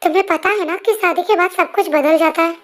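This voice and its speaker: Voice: extremely high pitch, fairly even intonation, fairly quick, fairly bright tone. A performer voicing a strict, worried mother who scolds sharply, in an amateur fan dub voice-over. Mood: scolding.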